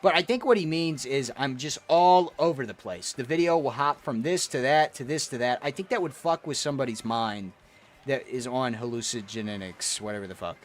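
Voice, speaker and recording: A man with a mid-range voice talks a little fast while streaming a game, with slight background noise behind him. He rambles casually to his viewers, ranting and swearing along the way.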